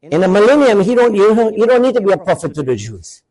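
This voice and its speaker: High-voiced man preaching with emphasis. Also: sing-song, quick pace, poor audio. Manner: emphatic, questions the congregation, swells to shouting. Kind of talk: sermon.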